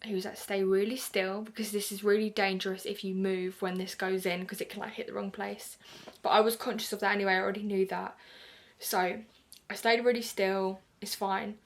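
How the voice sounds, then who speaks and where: A woman's voice: mid-range voice, flat delivery, brisk. Chatty young British woman vlogger. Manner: chatty, lots of "like", acts out her own quotes. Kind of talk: casual storytelling to camera.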